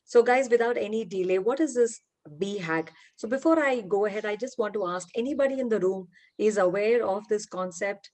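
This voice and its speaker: A woman's voice: mid-range voice, brisk, hardly any pauses. Woman leading an online workshop. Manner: warm encouraging, asks participants questions. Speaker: workshop facilitator and founder. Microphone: video call.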